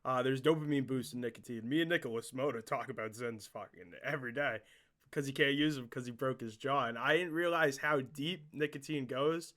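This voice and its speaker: A man hosting a casual interview podcast, excitable and joking, swearing often as he asks questions. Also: medium pitch, a little fast.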